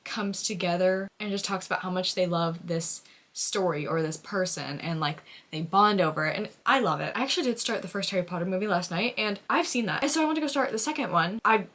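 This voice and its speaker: In her reading vlog, a young American book vlogger chats with expressive, fangirl enthusiasm and leans heavily on the word "like." She speaks fairly quickly at a medium pitch.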